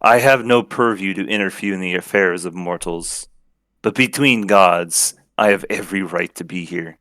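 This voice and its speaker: Man voicing a larger-than-life accusing goddess, formal and imperious, deep. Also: moderate pace, bright, forceful tone, no echo, clean studio sound. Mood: stern.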